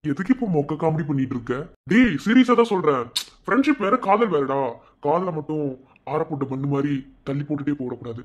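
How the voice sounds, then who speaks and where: A man's voice: a little high, lively intonation, fast, darkish tone, lo-fi sound, close to an everyday voice. A man voicing a cheeky young male college student in a cartoon, with a Madurai Tamil accent and joking banter. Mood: earnest. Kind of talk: cartoon voice acting.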